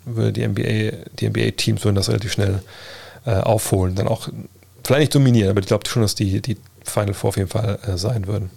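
A man's voice: mid-range voice, creaky, darkish tone. A man chatting casually as a livestream host, answering viewers in a colloquial way peppered with English slang and sports terms. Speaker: livestream host and basketball podcaster. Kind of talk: casual livestream chat answering viewer questions about basketball.

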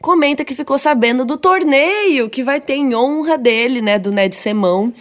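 A woman co-hosting a casual podcast, with a slightly high voice. She jokes constantly and slips into quick quoted voices as she retells scenes, full of slang. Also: animated. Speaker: podcast co-host. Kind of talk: casual chat about a book.

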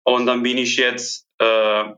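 A guest on a podcast, this Italian airport trainee in his 20s speaks Italian as his first language. He answers interview questions hesitantly, full of filler sounds, in a slow, level, mid-range voice that is bright and forceful in tone.

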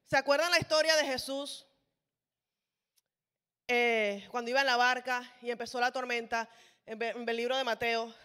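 Woman preacher, high voice, bright, impassioned sermon, long hall reverb. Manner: impassioned, rising to emphatic rhetorical questions. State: sweaty, toweling off.

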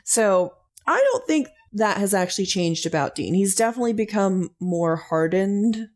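A young woman in casual fan chat, rambling through recaps with wry humor and frequent laughter. Her voice sits at an ordinary middle pitch. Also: lively intonation, normal speed, a little mellow.

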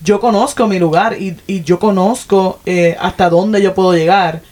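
Woman, chatty co-host, mid pitch, animated, restarts her sentences. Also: normal speed. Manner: animated, self-correcting, frequent "o sea". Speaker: podcast co-host, stepmother. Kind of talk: casual chat.

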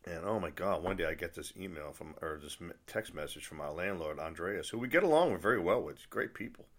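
A man's voice: low-pitched, expressive, fast. A middle-aged man talking casually in a rambling, exasperated way, full of fillers and restarts. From United States. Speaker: vlogger. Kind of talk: casual monologue to camera.

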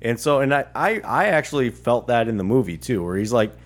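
A man's voice: medium pitch, a little fast. A man co-hosting a podcast, talking casually and animatedly, often stammering as he starts a point. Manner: animated, acts out quotes, stammers. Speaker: podcast co-host. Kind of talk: casual discussion.

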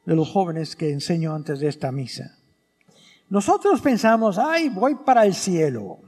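A man's voice: high voice, darkish tone. A priest preaching a sermon at Mass, repeating his key phrases and putting questions to the congregation. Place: church during Mass. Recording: long reverb of a church hall.

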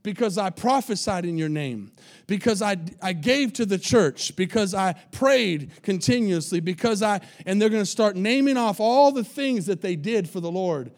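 A man's voice: sits high, animated, normal speed, darkish tone. A pastor delivers his sermon with emphatic repetition. He keeps checking in with the congregation to make sure they are following him.

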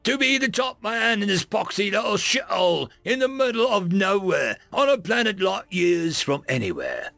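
A man voicing a mysterious hooded avenger in a spoken story, calm and cutting with contempt. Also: high-pitched, normal speed, creaky, hardly any pauses, no room sound, faint music behind, pitched above the performer's own voice, exaggerated voice. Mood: cold.

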